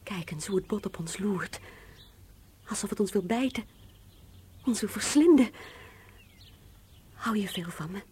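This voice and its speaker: An actress playing a young woman with strange cravings in a radio play, speaking in a halting, hushed, often whispered way. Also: medium pitch, expressive, slight background noise, natural voice. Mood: feverish, pleading. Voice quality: very breathy.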